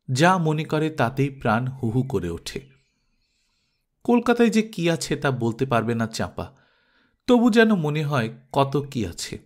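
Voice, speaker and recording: Animated male audiobook narrator. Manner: animated storytelling, shifting pitch for quoted children. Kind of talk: expressive reading of a novel.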